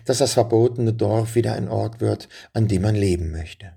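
A man voicing an eager, warm-hearted boy prince in a storybook reading, talking quickly in a raised, excited voice. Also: fairly low pitch, gravelly, breathy edge. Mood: grateful.

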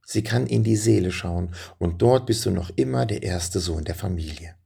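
A man voicing a brave, hopeful young boy riding a dragon in a storybook, with a gravelly voice and eager calls. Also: low-pitched, moderate pace, warm tone, exaggerated voice. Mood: reassuring.

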